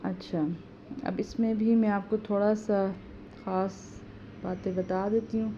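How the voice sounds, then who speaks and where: A woman teaching correct prayer recitation, chanting each verse slowly and then explaining it quickly and quietly. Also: mid-range voice, level tone. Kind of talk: tajweed lesson with slow chanted recitation. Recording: slightly dull audio with faint background noise.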